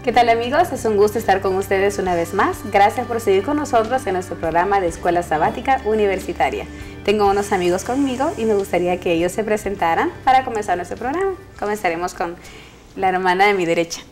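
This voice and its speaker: A woman's voice: mid-range voice, animated, fast, over music. A woman hosting a university TV Bible study program, welcoming guests and asking them questions. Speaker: host. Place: TV studio.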